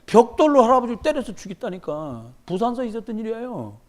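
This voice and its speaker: A man's voice: extremely high pitch, fast talker. A man, a pastor, preaching a sermon in church at a midweek service, talking emphatically and telling stories with humor. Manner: animated, emphatic, storytelling with humor.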